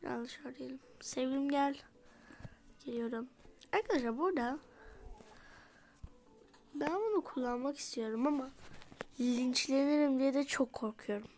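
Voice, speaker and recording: A woman in whispered role-play, voicing dolls in a game and switching between character voices, often softly whispering. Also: high voice, normal speed, pauses often. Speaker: YouTuber voicing dolls in a life-sim game.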